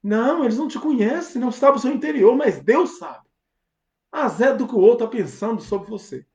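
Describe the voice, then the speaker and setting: A man's voice: extremely high pitch, animated, a little fast, a little mellow. A man with a Brazilian Portuguese accent preaching a sermon as pastor, fervent and emphatic, with rhetorical questions. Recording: roomy, dull lo-fi sound.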